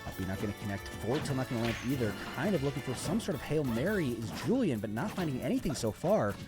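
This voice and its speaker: A man works as an esports caster, giving live play-by-play and analysis of a video game match. He is talkative and reactive, with a middling pitch. Music plays clearly behind his voice. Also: big pitch swings, fast talker. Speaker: esports commentator, also a player.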